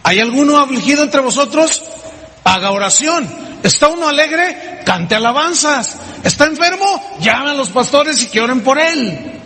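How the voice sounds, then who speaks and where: A man's voice: very high-pitched, lively intonation, normal speed, pushed and bright, in a large hall, a little hiss or hum. A male pastor delivering a sermon, preaching emphatically and firing rhetorical questions at the congregation.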